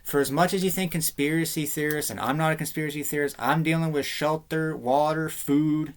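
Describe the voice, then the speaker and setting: A man's voice: on the high side, fairly even intonation, a little fast. A man in a rambling, heated, slangy rant to camera, often saying man and dude. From Canada. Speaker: vlogger.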